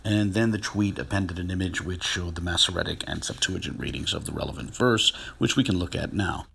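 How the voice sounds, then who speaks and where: A man giving a measured, scholarly walkthrough of sources shown on screen. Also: sits low, gravelly, a bit bright, a little hiss or hum. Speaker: video essayist on biblical words. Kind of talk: screen-share explanation.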